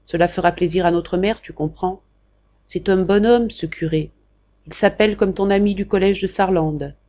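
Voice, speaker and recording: A woman reading a brave, dying young man with a soft, tender voice that fades toward a hush. The audiobook sound is slightly dull. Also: fairly low pitch, normal speed, close to an everyday voice.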